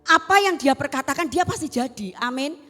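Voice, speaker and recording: A woman with a Javanese accent preaching a sermon, swinging between loud exhortation and hushed asides. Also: high voice, animated, brisk, faint music behind. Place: church service.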